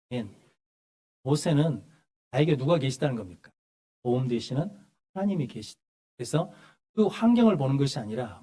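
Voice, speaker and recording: A male pastor preaching a sermon in a church, asking the congregation rhetorical questions and reading scripture slowly with emphasis. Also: medium pitch, dark tone. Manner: asks the congregation rhetorical questions and answers them. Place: church sanctuary.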